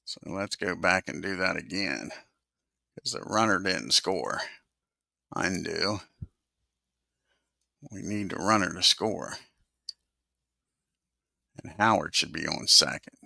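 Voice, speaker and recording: Brief: male host, low and gravelly, bright cutting tone, unhurried play-by-play for a simulated ball game, mutters to himself over the software. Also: no room sound, clean studio sound. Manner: talks to himself while working the game software; swears under his breath when the software fights him. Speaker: host of a baseball simulation channel.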